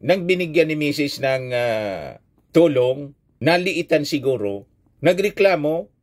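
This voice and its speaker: A man's voice: medium pitch, animated, measured pace. A man with a Filipino accent giving casual, opinionated news commentary, reading English reports aloud and repeating phrases for emphasis.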